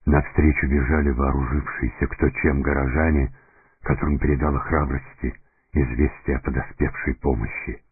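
A male narrator with a very deep, heavily husky voice tells the story in a deliberate, dramatic way. The recording is dry and squeezed into a narrow, phone-like band, with faint music running underneath. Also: level tone, no room sound. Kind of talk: scripted audiobook narration.

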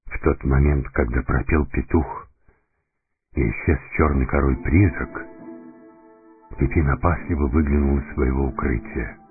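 A male narrator with a very deep, heavily husky voice tells the story in a deliberate, dramatic way. The recording is dry and squeezed into a narrow, phone-like band, with faint music running underneath. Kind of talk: scripted audiobook narration.

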